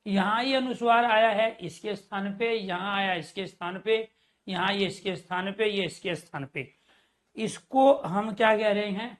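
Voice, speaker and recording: A man's voice: sits high, unhurried, a bit bright. A man teaching a Hindi grammar lesson in an online class. He keeps asking his students questions and answering them himself, and calls his viewers dear friends.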